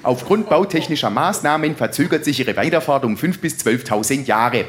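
A man voicing a polite, bureaucratic male announcer at a station in purgatory, speaking in a slow, formal announcement manner. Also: on the low side, lightly acted. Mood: officious.

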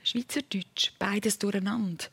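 A woman with a Swiss German accent hosting a late-night call-in radio show, chatting and gently prompting her callers with questions. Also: medium pitch, fairly even intonation, measured pace, vocal fry, slightly rough, no room sound. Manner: conversational, probing, gently prompting.

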